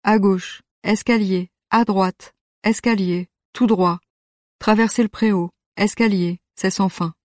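Woman, audiobook narrator, steady measured reading, youth novel, mid pitch, dry close sound. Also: no room sound.

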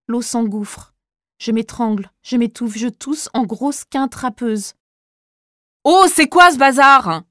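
A woman reading a first-person audiobook in a quiet, weary, intimate manner. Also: mid-range voice, no echo, studio quality. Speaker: audiobook narrator.

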